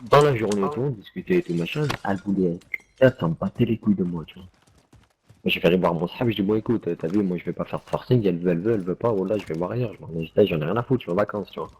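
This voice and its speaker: A man's voice: low voice, very fast, gravelly, darkish tone, husky, rough recording. A young man telling a casual anecdote to friends in street slang, peppered with slang tags and fillers. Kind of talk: casual anecdote told to friends while gaming.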